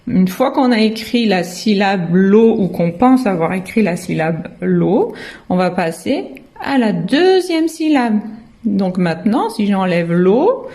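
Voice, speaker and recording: Speaking at a medium pitch with a dark tone, a kindergarten teacher from France gives a slow, careful explanation of how children learn to write words. She patiently sounds out each syllable and letter in turn.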